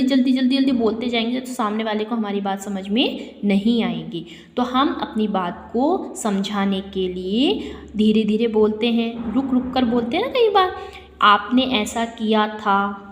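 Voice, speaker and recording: A woman teacher giving a classroom grammar lesson, explaining slowly and deliberately and asking rhetorical questions. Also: fairly high pitch. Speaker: school teacher. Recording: echoey room with long reverb.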